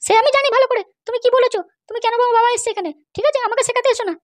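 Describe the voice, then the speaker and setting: A woman voicing a scolding mother-in-law role in a comedy cartoon, with a sharp-tongued way of talking. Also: extremely high pitch, racing. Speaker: cartoon voice actor.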